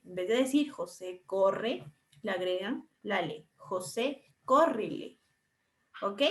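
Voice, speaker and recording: A woman's voice: fairly high pitch, a little mellow, echoey room. A woman teacher from Ecuador, giving an online class lecture in an explanatory way and checking in often with tag questions.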